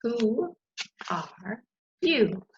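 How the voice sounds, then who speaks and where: A woman voicing a small, polite and gentle butterfly in a storybook, with a high, lilting voice. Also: big pitch swings, drawn-out words, muffled recording, slight background noise, full character voice. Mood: curious.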